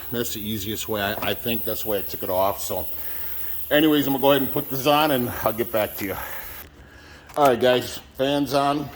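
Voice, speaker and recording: A man narrates a hands-on repair job in a casual, hesitant first-timer way. His speech has a lisp with whistling s sounds, at a middle pitch. Some ambient noise sits behind him. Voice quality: lisp from new braces, whistling s. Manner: plain-spoken, unsure, hedging first-timer. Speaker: DIY truck mechanic vlogger. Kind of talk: casual how-to narration while working.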